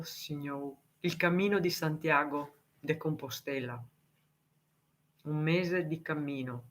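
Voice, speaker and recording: A woman from Italy chatting casually on a live stream, reading viewer comments, answering them and laughing often. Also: low-pitched. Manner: deliberately slow, careful speech for foreign viewers.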